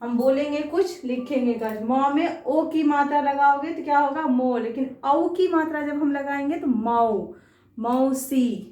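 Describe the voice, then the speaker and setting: A woman teaching children a Hindi lesson, speaking very slowly and patiently in a slightly high voice. She stretches out each syllable and keeps asking questions. She sits back from the microphone in an echoey room. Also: darkish tone, far from the mic. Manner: slow, patient, drawn-out syllables with frequent questions.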